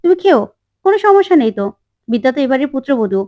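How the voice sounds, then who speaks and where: A woman's voice: high-pitched, very animated, fast talker, mellow. Woman reading a cheerful easygoing man. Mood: friendly. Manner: easygoing, supportive. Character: cheerful friendly younger brother-in-law.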